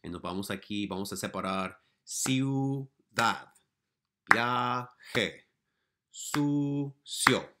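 A man's voice: mid-range voice, very slow, pushed and bright. A man teacher who switches between Spanish and English as he patiently walks young pupils through their weekly lessons. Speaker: elementary school teacher. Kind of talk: remote class walkthrough for young pupils.

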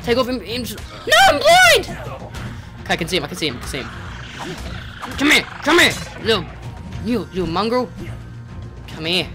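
A host giving let's-play game commentary, excitable, scolding and coaxing the animals on screen, recorded at a desk mic. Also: mid-range voice, fast talker, pauses often. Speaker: gaming channel host. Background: game music.

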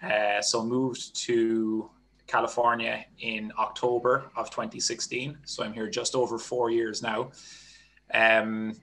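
A man's voice: mid-range voice, slow pace, a little hiss or hum, low-quality recording. A man in his thirties with an Irish accent, a strength coach explaining his work steadily over a headset on a video call. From Ireland. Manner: steady explanatory talk with many "kind of" fillers. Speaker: golf strength and conditioning coach. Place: small home room.

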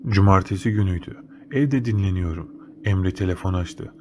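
A man's voice: low voice, normal speed. A man narrating a first-person horror story in a casual, slangy, matter-of-fact way. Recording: noticeable background noise.

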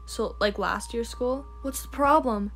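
A woman's voice: fairly high pitch, unhurried, a bit bright, slight background noise. A teenage girl chatting playfully while recording a game video with her sister. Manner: playful, silly, giggly. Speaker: gaming video creator. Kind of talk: casual gaming chat.

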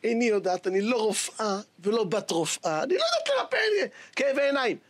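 Brief: man playing flustered timid woman, protesting, husky and pitched high.

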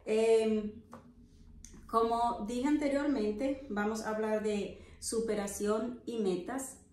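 A woman's voice: fairly high pitch, fairly even intonation, takes it slowly, darkish tone, roomy sound. A middle-aged woman hosting a podcast interview, asking questions with many fillers. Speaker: podcast host. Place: living room on a sofa, indoors.

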